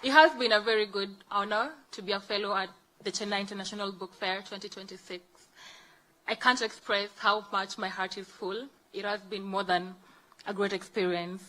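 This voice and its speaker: A woman's voice: mid-range voice, fairly even intonation, normal speed, bright, forceful tone, poor audio. A woman with a Kenyan accent gives a formal thank-you speech as a guest, with emphatic, repeated phrasing. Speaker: guest speaker, book fair fellow.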